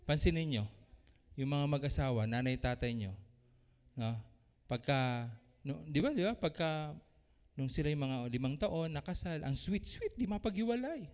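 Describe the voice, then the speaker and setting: A man preaching a sermon as pastor, animated, swinging between loud exclamations and soft asides. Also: on the high side, moderate pace. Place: church. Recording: church hall with long reverb.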